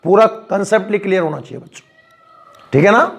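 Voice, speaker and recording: A man's voice: sits high, expressive, quick pace, gravelly. A man teaching a physics lesson to students, often asking them questions and reassuring them as he explains from the board. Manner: addresses students directly with frequent questions and encouragement. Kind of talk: classroom physics lecture. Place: school classroom with a board.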